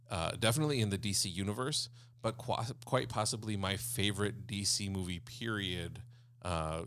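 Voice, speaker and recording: A man's voice: sits low, fairly bright tone, slight background noise. A man co-hosting an entertainment podcast in casual chat, talking eagerly and earnestly with frequent fillers. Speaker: podcast co-host.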